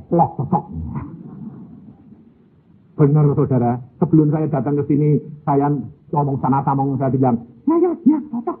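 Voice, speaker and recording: A pastor with a Javanese accent telling a family story in a sermon, with lively delivery and voices for the people he quotes. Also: fairly high pitch, husky. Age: older. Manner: animated, mixes Javanese words, acts out quoted voices. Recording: muffled narrow-band recording.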